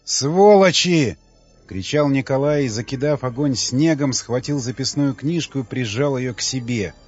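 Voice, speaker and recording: A man narrating an audiobook in a measured, even reading with a husky voice. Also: mid-range voice. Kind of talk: scripted narration. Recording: dull, dry studio sound with faint music.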